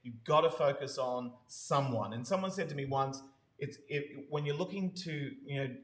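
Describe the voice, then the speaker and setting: A man's voice: medium pitch, moderate pace, fairly bright tone. A man co-hosting a casual marketing chat, talking enthusiastically with lots of "you know" and restarts. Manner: enthusiastic, full of fillers and restarts. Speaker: co-host. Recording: roomy echo.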